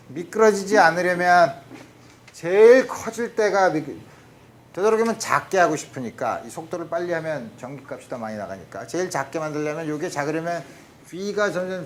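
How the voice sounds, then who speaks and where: Man, physics lecturer, slightly high voice, step-by-step explanations, checks in with the class, faint hiss. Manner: explains step by step, often asking "그죠?" and mixing in English physics terms. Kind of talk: university lecture at a board.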